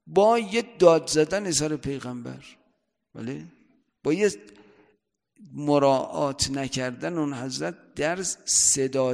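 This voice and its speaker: Male seminary cleric, heavy vocal fry, conversational lecture with loud bursts of emphasis, reverberant hall. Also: a little high. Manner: conversational, often checks listeners' understanding; rises sharply in loudness for emphasis. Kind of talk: religious lecture.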